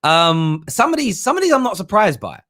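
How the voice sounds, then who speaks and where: A man with a high, sing-song voice runs a football fan livestream, talking briskly with a sharp edge. He reads comments from viewers and reacts bluntly and emphatically, repeating himself often.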